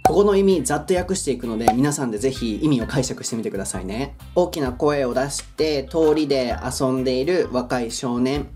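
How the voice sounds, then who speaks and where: A young man with a Kansai accent talks through an English pronunciation lesson from home. He is brisk and chatty, then slows right down to read each lyric line with care. Faint music plays under his voice. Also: medium pitch. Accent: Kansai Japanese. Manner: chatty and brisk, reading English lyric lines slowly and clearly.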